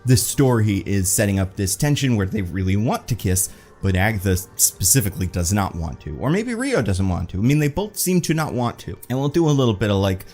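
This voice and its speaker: A man giving a casual, chatty review of a TV episode, animated and full of "like" fillers. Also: on the low side, fairly quick, soft background music.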